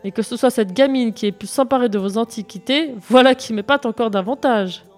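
A rude giant of a man barks and sneers at everyone in this storybook scene, voiced by a woman. His voice sits up high and loud, full of contempt. Faint music plays beneath. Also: brisk, natural voice. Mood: indignant. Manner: gruff, scornful, loud.

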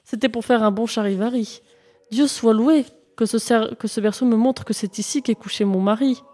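A woman voicing a flustered middle-aged innkeeper's wife in a verse tale, given to excited exclamations. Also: a little high, moderate pace, lightly acted. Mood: musing.

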